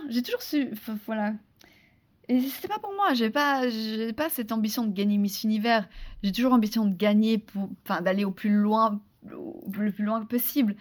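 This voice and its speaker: Chatty woman telling her story. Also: a little high. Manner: lively, chatty, many restarts and fillers. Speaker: interview guest, former beauty pageant contestant. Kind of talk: casual conversational storytelling.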